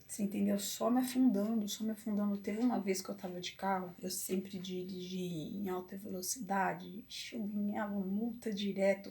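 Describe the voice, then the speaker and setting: A woman telling a personal story to camera, emotional and halting with many restarts. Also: medium pitch, a little mellow. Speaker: vlogger. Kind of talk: personal confessional talk.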